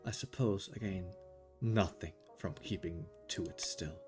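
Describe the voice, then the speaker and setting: Aloof male storm wizard, played by a man, solemn pronouncements, deep voice. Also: unhurried, darkish tone, faint music behind.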